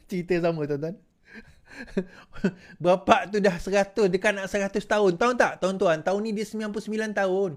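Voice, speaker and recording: A man's voice: high-pitched, normal speed. A man with a Malaysian Malay accent giving political commentary to viewers, telling stories animatedly with laughs and slipping English phrases in.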